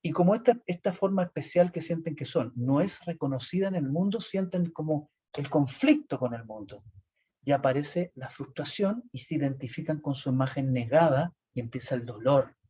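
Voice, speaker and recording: A man's voice: a little high, moderate pace, mellow, breathy edge. A man with a Chilean accent giving a lecture, explaining in a rambling way that repeats and restarts phrases. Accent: Chilean Spanish. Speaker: teacher. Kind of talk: lecture on personality types. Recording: dull lo-fi recording.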